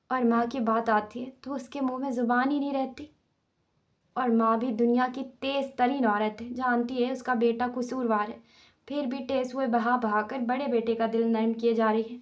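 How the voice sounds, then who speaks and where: A fiery young wife, read by a woman in a storybook drama, ranting and sarcastic at once. The voice sits fairly high but moves little in pitch, so the anger comes through the words more than the melody. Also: fairly even intonation, natural voice.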